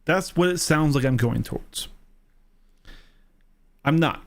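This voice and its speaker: A man's voice: fairly high pitch, slow pace. A man streaming a game, explaining things step by step in a casual way and often checking in with "right?" and "okay?".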